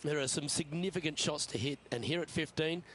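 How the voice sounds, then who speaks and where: A man's voice: on the high side, brisk, fairly bright tone, natural voice. A man playing an upbeat, composed golf commentator in a video game broadcast. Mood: measured, engaged. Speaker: golf commentator, lead announcer. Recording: outdoor ambience noise behind voice.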